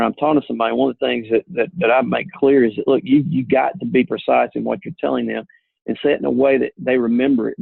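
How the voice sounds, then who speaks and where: Plain-spoken male insurance agent, husky and gravelly, heard over a tinny phone line. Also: mid-range voice, no room sound. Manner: earnest, plain-spoken explaining. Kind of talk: casual explanatory talk on a call.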